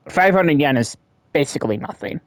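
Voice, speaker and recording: A man with a fairly high voice gives casual, joking commentary while he plays through a game. He reads the on-screen text aloud in an offhand way and drops quick asides. The sound is dry and close, with no room echo. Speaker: let's play streamer.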